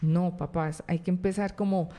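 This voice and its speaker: A woman's voice: on the low side, fairly even intonation, normal speed, mellow. A woman psychologist with a Colombian Spanish accent, explaining parenting advice as a talk-show guest and often checking in with short questions. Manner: explanatory, acts out child and parent voices, frequent tag questions.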